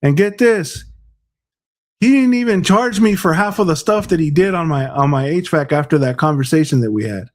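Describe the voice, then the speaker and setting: Rambling man with a slightly high voice. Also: animated, moderate pace. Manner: rambling, repeats words, says bro and dude. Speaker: podcast co-host. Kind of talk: casual storytelling chat.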